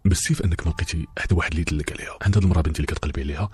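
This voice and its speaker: A kindly older woman who sells bread speaks reassuringly in a Moroccan accent, as a male storyteller puts her on. The voice is raspy and low, and the words come fast. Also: a little mellow, exaggerated voice. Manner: reassuring, helpful.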